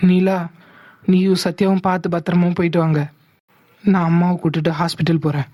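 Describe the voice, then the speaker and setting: A woman voicing a calm, dutiful young husband and son in a cartoon. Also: on the low side, a little fast, no echo, lo-fi sound, lightly acted. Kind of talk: cartoon voice acting.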